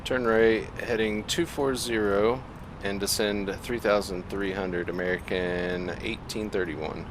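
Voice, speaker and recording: A man talking into a pilot cockpit headset, giving crisp radio readbacks to air traffic control and relaxed commentary between calls. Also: lowish voice, measured pace. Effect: speaking into a pilot cockpit headset mic. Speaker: flight simulator pilot. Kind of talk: ATC radio readbacks mixed with casual commentary. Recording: loud steady background noise.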